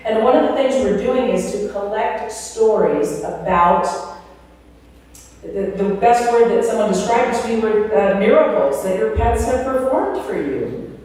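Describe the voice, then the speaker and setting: A woman's voice: on the high side, lively intonation, unhurried, darkish tone. A woman giving casual, upbeat announcements to a congregation in a chatty, informal way. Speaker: announcements host, speaker team member. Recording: echoey hall from far off.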